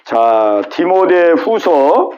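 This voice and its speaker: Animated high-voiced Korean pastor preaching. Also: male voice, very slow, dull audio. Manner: repetitive call-and-response with frequent "예?". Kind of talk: sermon. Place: church sanctuary.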